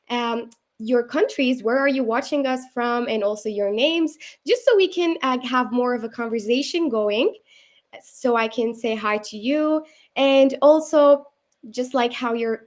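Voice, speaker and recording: A young woman from Syria with a notably high voice hosts a live stream. She sounds upbeat and welcoming, and often fills her pauses with "um" and "uh". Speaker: livestream host.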